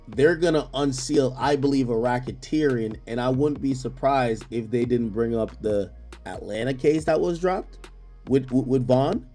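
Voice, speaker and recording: A man's voice: mid-range voice, mellow. Man breaking things down in casual chat. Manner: explains step by step, many restarts, laughs easily. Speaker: commentator.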